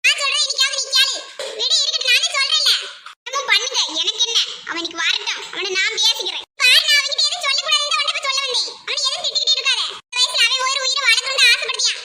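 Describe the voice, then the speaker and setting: A fussy old village grandmother in a cartoon, played by a woman, talking quickly with a Tirunelveli Tamil accent. The voice is pitched extremely high and rushes along. A loud hiss sits under the lo-fi recording. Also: heavily acted. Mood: coaxing. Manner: scolding, quick and chatty. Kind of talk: cartoon voice acting. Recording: noisy lo-fi recording.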